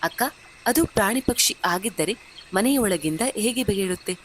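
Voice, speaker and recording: An eager younger sister who pushes her words out with urgency, played by a woman narrator. Her voice is lively in pitch and sits in a middle register. It is a spoken horror story with faint hiss behind. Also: moderate pace, lightly acted.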